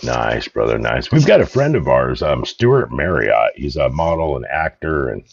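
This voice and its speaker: A man's voice: extremely low pitch, big pitch swings, moderate pace, creaky, highs cut off. A man hosting a casual interview, laid-back and slangy, reacting with enthusiasm. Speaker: show host.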